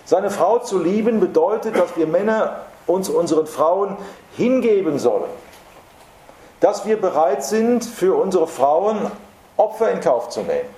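A man's voice: high-pitched, very animated, mellow. Earnest male preacher in a roomy hall. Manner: earnest, emphatic, with slow stressed repetitions. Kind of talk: sermon. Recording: roomy hall with faint background noise.

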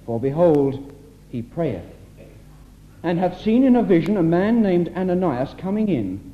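A man's voice: high-pitched, big pitch swings, a little slow. A man solemnly reading scripture aloud at a church meeting, heard on an old 1960s tape recording. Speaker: scripture reader at a church address. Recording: muffled old tape with faint hiss.

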